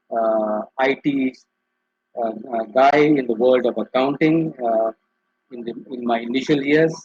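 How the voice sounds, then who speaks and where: A man's voice: medium pitch, slightly rough. Hesitant man on a muffled call. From Singapore and Malaysia. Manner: hesitant, many uh fillers. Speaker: guest, impact investor. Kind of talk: conversational self-introduction. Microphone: headset on a video call. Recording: muffled video call audio.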